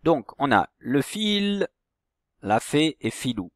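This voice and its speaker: Patient schoolteacher, slow and clear. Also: male voice, on the high side, very animated, dry recording, studio quality. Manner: slow, patient, stretches words and syllables. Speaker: primary school teacher. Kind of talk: recorded reading lesson for young children.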